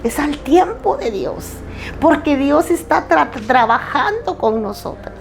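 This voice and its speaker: A woman preaching to a women's church group, loud, emphatic and plain-spoken, with candid, self-deprecating humor. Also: sits high, big pitch swings, slow, creaky, soft background music. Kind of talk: sermon.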